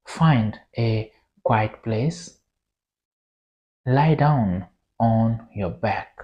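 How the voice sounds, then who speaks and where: This yoga nidra session is led by a meditation guide whose mid-range voice has a dark colour. Short phrases come slowly and calmly, separated by long silences.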